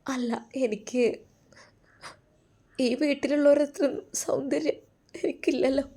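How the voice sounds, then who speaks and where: A woman's voice: sits high, moderate pace, warm tone, pitched above the performer's own voice, natural voice. A woman voicing a shy, tender-hearted young wife who speaks timidly. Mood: tearful.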